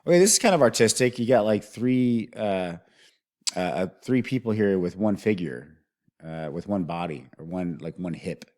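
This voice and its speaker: A man's voice: sits low, animated, normal speed, a little mellow. A man hosting a music video reaction, thinking aloud in a rambling way and often restarting his sentences.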